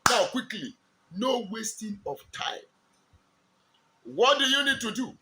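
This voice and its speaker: Bright, high-voiced Nigerian preacher. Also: male voice, very animated. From eastern Nigeria. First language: Igbo. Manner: slow, emphatic, drawn-out declarations. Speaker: spiritual teacher. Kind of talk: preaching to camera.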